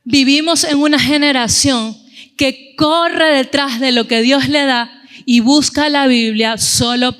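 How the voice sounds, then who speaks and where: A middle-aged woman preaching a sermon in a church, telling stories in a lively way and acting out the voices of the people in them. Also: sits high, in a large hall. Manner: animated storytelling, acting out quoted voices.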